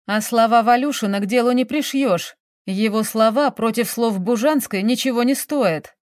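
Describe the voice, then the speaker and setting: A dry, sarcastic male investigator in an audiobook, as a woman reader puts him on. He speaks slowly in a lecturing monotone. The recording is dry and close. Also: fairly high pitch, no room sound, close to an everyday voice. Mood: grumbling.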